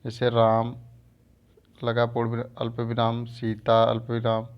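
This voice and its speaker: Flat-voiced male Hindi grammar teacher. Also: mid-range voice, clear, resonant tone. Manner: explains slowly, repeats terms. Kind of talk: screen-recorded grammar lesson. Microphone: phone or screen recorder mic. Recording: dull lo-fi screen recording.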